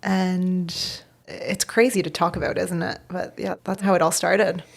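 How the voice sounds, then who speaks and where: A podcast host appearing as a guest in this episode, this woman tells casual personal stories in a gravelly, lowish voice with a level tone and measured pace. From Bosnia and raised in Canada, with Bosnian as her first language, she's chatty and candid, laughing often and using lots of "like" fillers.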